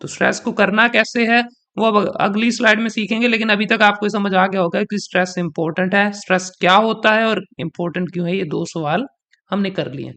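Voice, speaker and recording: A young man, an exam coaching trainer, teaching in Hindi mixed with English, explaining at length and repeating example sentences slowly with shifting stress. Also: high-pitched, steady tone, creaky, bright, forceful tone.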